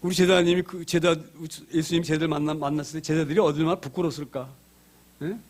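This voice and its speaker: A man preaching an Easter sermon as a pastor, animated, swinging from soft asides to sudden loud outbursts as he acts out quoted words. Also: a little high, fast.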